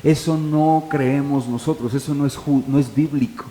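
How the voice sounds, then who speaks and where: A man's voice: a little high, fairly even intonation, normal speed, mellow. Man preaching in an echoey church hall. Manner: conversational preaching with rhetorical questions to the congregation. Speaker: pastor. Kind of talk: sermon. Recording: echoey hall, faint ambience.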